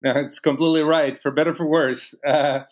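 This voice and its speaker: A man in his fifties from Sweden, answering interview questions in a relaxed way with many pauses. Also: on the high side, low-quality recording. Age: 50s. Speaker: guest.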